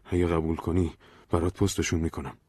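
A man's voice: sits low, flat delivery, darkish tone, husky, dry recording. A man voicing a paranoid young man who urgently and secretively begs a friend to keep his papers safe. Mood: urgent worried.

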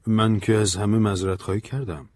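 A man voicing a weary, earnest man who explains himself calmly in an audiobook story. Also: lowish voice, natural voice. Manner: measured, tired. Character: weary, earnest man, Ben, calm and burdened.

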